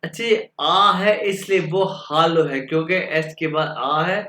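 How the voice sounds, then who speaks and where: Slow, patient man teaching online. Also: on the high side, sharp tone, reverberant. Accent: Pakistani. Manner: slow, patient explaining, spelling out letters one by one. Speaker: German language teacher. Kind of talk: online language lecture.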